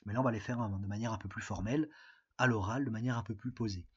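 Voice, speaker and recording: A man's voice: lowish voice, steady tone, fast talker, husky. A man from France, an English teacher, recording a remote lesson and walking his students patiently through each step, with many fillers. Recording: dull lo-fi sound.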